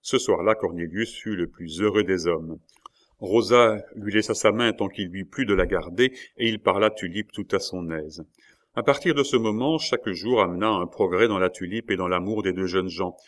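A man with a fairly low voice reads a classic novel aloud as an audiobook. His narration is measured and expressive.

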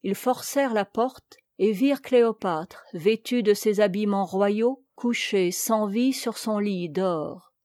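A woman narrating a historical story in a measured, formal, literary manner. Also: medium pitch, a little mellow, no room sound, clean studio sound.

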